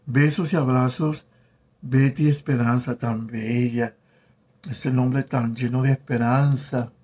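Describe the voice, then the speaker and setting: Husky man chatting on a live stream. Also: medium pitch, fairly even intonation. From Venezuela. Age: 40s. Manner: warm, flirtatious, reads viewer names aloud haltingly. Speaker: host of a live stream chat, former telenovela actor. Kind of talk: casual live-stream chat reading comments. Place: home in South Florida.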